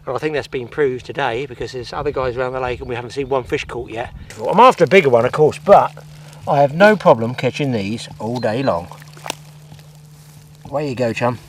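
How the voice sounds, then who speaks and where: A middle-aged man, talking casually while fishing at a lakeside and getting excitable when fish bite. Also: medium pitch, a little fast. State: out of breath. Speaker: angling presenter. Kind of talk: outdoor fishing demonstration. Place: outdoors at a lakeside. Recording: faint outdoor noise.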